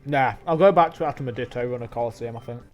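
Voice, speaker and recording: An English man live-streams a video game, rambling and chatting casually while snacking, sometimes talking with his mouth full. His voice is mid-range and darkish in tone, and he speaks in rapid-fire bursts.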